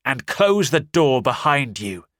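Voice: mid-range voice, sing-song, slow, no room sound, clean studio sound. A reader voicing a secretive, angry male stranger who orders people away. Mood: curt.

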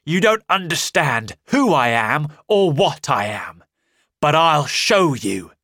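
A reader doing a curt, loud angry stranger. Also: medium pitch, very animated, takes it slowly, no room sound, clean studio sound. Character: secretive, angry man, a mysterious stranger.

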